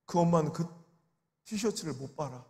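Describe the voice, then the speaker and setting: Impassioned pastor, gravelly voice. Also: male voice, on the high side, animated, moderate pace, darkish tone. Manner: storytelling, acts out quoted voices with sobbing cries. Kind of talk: emotional revival sermon. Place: large prayer retreat sanctuary. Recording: reverberant large worship hall.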